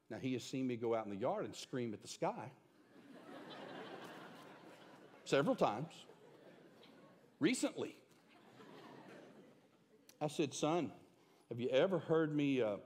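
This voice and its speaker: Man preaching in a reverberant church. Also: medium pitch. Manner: emphatic, shifting between loud and hushed. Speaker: pastor. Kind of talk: sermon. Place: church sanctuary. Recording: long hall reverb.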